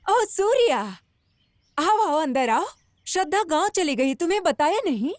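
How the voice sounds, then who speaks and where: An actress dubbing a kindly, indulgent middle-aged mother who fusses warmly. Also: extremely high pitch, expressive, measured pace, dry recording, clean studio sound. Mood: welcoming. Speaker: dub actor. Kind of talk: Hindi film dubbing.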